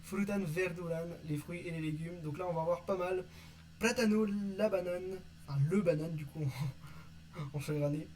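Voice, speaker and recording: A man teaching vocabulary from an invented language in a casual lesson, reading word lists and pausing often with fillers. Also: sits high, darkish tone, a little hiss or hum, poor audio. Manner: reads word lists, hesitant with many "euh". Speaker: conlang teacher.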